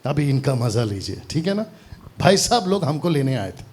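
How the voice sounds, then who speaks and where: Animated preacher man, teasing the crowd. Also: mid-range voice, normal speed, husky. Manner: mixes English words into Hindi. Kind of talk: lively Hindi sermon at a seminar. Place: church seminar hall.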